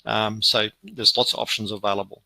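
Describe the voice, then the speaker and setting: A man gives an informal online sales webinar in a very bright, forceful voice. The sound is dry and close. He explains step by step, haltingly, often correcting himself. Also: fairly low pitch, gravelly, no room sound, low-quality recording. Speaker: webinar presenter.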